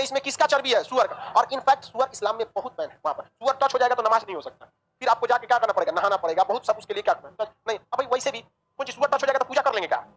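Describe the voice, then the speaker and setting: A woman teaching a history class, lively and joking, asking the class questions and answering them herself. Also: on the high side, low-quality recording. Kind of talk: online class lecture.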